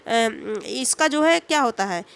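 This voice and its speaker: A woman teaching a Hindi grammar lesson, asking the class questions and answering them herself, and sounding out letters slowly. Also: a little high, animated, creaky, a bit bright, smooth.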